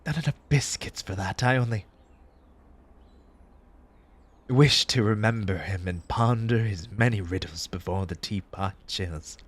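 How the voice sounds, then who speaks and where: Man playing a slow, low-voiced, grieving March Hare. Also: a bit bright, slightly rough, heavily acted. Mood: bitter, whimsical. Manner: formal, theatrical, halting with emotion. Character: grieving March Hare, mannered, eccentric tea-party gentleman. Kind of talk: ASMR roleplay character monologue.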